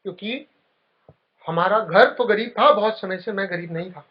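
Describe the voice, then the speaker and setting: A man giving a motivational speech, telling a personal story with feeling and dropping soft at the tender parts. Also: normal speed. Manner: storytelling, emotional, drops low and soft at touching moments. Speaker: motivational speaker. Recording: dull lo-fi recording.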